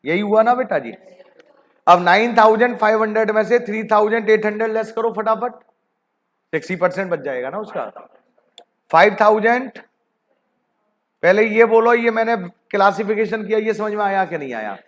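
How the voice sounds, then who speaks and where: A man's voice: sits high, moderate pace, long pauses, fairly bright tone. A man teaching an online accounting class, coaxing his students with repeated questions and calling them "beta ji". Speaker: commerce teacher.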